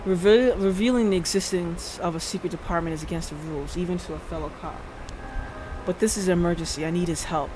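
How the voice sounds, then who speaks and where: A livestreamer with a mid-range voice talks fast, reading a visual novel aloud and breaking off into playful, chatty asides to chat. The recording is rough, with music playing behind the voice.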